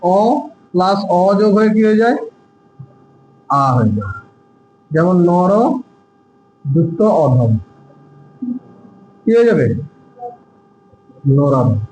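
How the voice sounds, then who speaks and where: High pitched guy teaching a class, keeps quizzing students, roomy echo. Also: sing-song, slow, long pauses, a little mellow, slight background noise. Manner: drills students with repeated questions and answers. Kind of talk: classroom grammar lesson.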